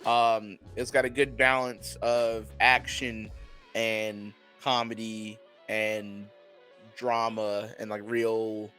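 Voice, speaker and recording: A man's voice: on the low side, flat delivery, slow pace, a bit bright, soft background music. A man co-hosting an anime podcast, laid-back and laughing often, with casual swearing. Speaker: podcast co-host. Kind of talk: casual chat.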